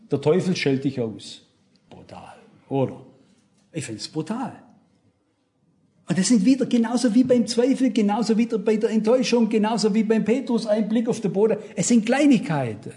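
A man's voice: sits high, mellow. A man preaching a sermon in German, emphatic, swinging up and down for stress and addressing his listeners directly.

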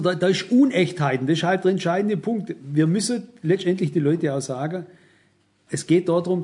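High-voiced man preaching emphatically. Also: a little mellow. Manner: emphatic, addresses congregation directly with rhetorical questions. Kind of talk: sermon.

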